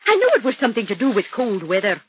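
An actress with a Scottish Highland accent playing a sharp-tongued, blunt middle-aged Highland woman in a radio drama. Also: big pitch swings, quick pace, natural voice. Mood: brusque. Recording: dull lo-fi radio recording.

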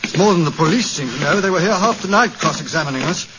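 An actor playing a nervous, defensive gentleman in an old radio drama. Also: a little high, lively intonation, fast, lightly acted. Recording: noisy lo-fi old radio recording.

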